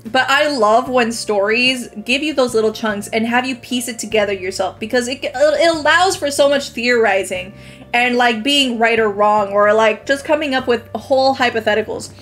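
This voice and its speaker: A woman's voice: a little high, moderate pace, a bit bright, soft background music. A young woman streaming a game, chatting casually with her viewers, laughing often and swearing freely. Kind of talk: casual gaming commentary.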